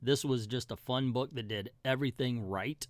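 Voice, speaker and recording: A man's voice: mid-range voice, normal speed, dry recording. A middle-aged man hosting a comic book review channel, giving a casual ranked countdown in a folksy, colloquial way with emphatic asides.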